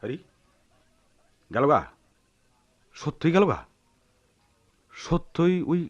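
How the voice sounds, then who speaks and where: In a Bengali radio drama, a male actor with a rural Bangladeshi accent plays a poor village husband who is proud and hot-tempered, performing in a theatrical, defiant manner. His voice is slightly high and a little mellow, the audio dull. Here he sounds stunned and mutters.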